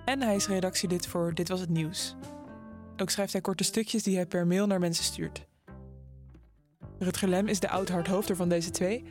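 A woman presenter reading a scripted podcast introduction in an even, measured manner. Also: fairly low pitch. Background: soft guitar music.

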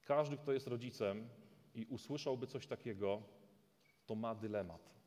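A man's voice: medium pitch, moderate pace, darkish tone. Male preacher in a reverberant hall. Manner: storytelling, dramatic retelling. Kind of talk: sermon with scripture reading. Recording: long reverb of a large hall.

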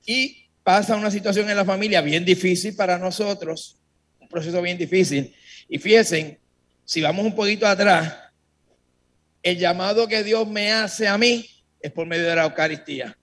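A man giving a religious testimony to a congregation, telling his story in a lively way and speaking straight to his listeners. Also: high voice, normal speed, pauses often.

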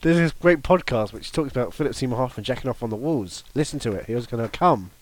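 A man's voice: mid-range voice, lively intonation, quick pace, no echo. A man co-hosting a podcast, joking and riffing in casual chat. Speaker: podcast co-host.

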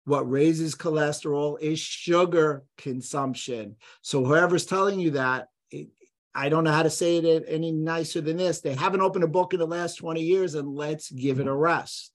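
A man's voice: a little high, fairly even intonation, normal speed. Blunt, emphatic man lecturing on health. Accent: none, trained out of New York accent. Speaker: podcast guest, health expert. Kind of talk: conversational podcast interview.

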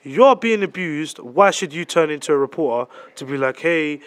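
A man's voice: fairly high pitch, animated, normal speed, fairly bright tone, dry recording. A man with a London roadman accent and slang, co-hosting a heated casual chat, swearing often and repeating phrases for emphasis. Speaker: podcast co-host.

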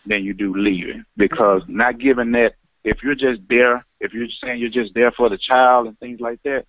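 A man phoning in to a radio talk show, earnest and often pausing with "um". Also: mid-range voice, steady tone, no echo. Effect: heard over a phone line. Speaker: caller. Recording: tinny, dry phone line.

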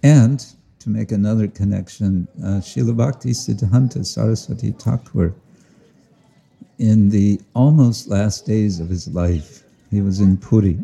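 A man giving a slow, reflective devotional talk outdoors to listeners, often chuckling and explaining Sanskrit and Bengali terms. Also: lowish voice, gravelly, warm tone, husky. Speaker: spiritual teacher. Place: outdoors with listeners, sun overhead.

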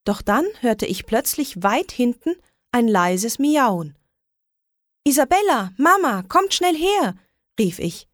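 A woman reading a children's story aloud in a lively, expressive way. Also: medium pitch, dry recording, studio quality. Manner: lively, expressive reading with raised voices for quoted calls. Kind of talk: scripted children's story narration.

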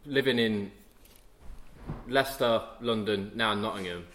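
A man hosting a podcast, asking questions in a soft-spoken, halting way as he chats casually with his guest. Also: lowish voice, a little hiss or hum. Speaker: podcast host, interviewer. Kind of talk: casual interview chat.

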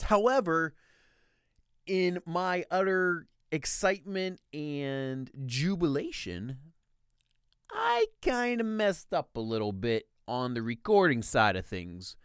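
A man's voice: fairly high pitch, smooth, dry recording, clean studio sound. A man hosting a podcast, giving an informal intro announcement in a jokey, emphatic showman style. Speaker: podcast host.

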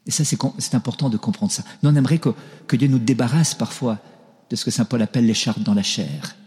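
A man's voice: medium pitch, fast talker, darkish tone. Man preaching in a reverberant hall. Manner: storytelling, asks the audience "voyez-vous". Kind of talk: sermon.

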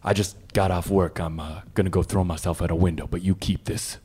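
A man's voice: deep voice, flat delivery, brisk, dark tone, breathy edge. A man improvising an eccentric male jazz scat singer who bursts into nonsense scat and grand proclamations. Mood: coaxing. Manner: breaks into scat singing and odd grand proclamations. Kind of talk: improv comedy.

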